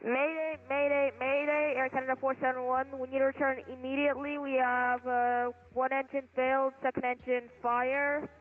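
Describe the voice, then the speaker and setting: A pilot on a cockpit headset radio, reading back clearances and making emergency calls in clipped, procedural phrasing with occasional hesitant fillers. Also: high-pitched, little pitch movement, normal speed, hardly any pauses. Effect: pilot talking over a cockpit headset radio. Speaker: pilot on a flight simulation network. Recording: tinny radio line with faint music behind.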